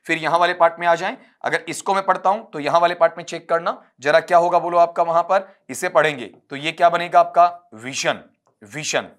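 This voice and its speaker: A man's voice: a little high, steady tone, fairly bright tone. Man teaching phonetics, drilling sounds aloud. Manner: explains patiently, calls students "beta"; drills sounds slowly, one by one. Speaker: English teacher. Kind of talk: online exam-prep lecture. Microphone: recording from a desk for an uploaded class video.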